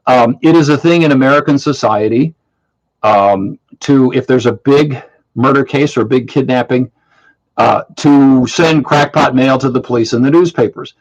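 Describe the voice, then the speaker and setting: A host in his 70s runs an online Q&A, addressing viewers in a casual monologue that's blunt, dismissive and full of repetition. He speaks at a moderate pace in a mid-range voice, and the recording sounds muffled and lo-fi.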